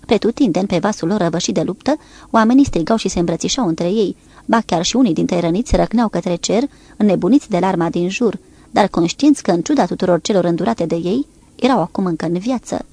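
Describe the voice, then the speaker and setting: A woman reading a naval war novel aloud as audiobook narration, in a steady, measured way, lifting her voice slightly for the characters' lines. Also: fairly low pitch, husky, dry recording.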